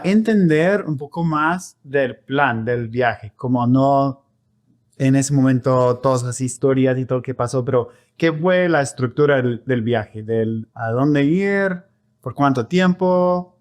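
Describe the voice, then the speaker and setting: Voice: mid-range voice, slow pace. A podcast host casually interviewing guests and prompting them with questions. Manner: prompting questions with brief acknowledgments.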